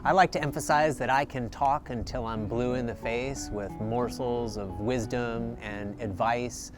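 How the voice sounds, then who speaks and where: A man's voice: mid-range voice, steady tone, unhurried. A man in his thirties, an instructor, explaining things in an outdoor interview on a lapel mic. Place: outdoors in a garden. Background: faint music.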